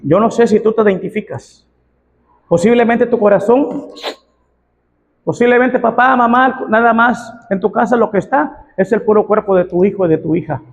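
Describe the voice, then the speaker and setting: A man with a Mexican Spanish accent, a pastor preaching a fervent sermon, often shouting out the pleas he quotes. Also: high-pitched, moderate pace, highs cut off. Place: church hall. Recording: long reverb of a church hall.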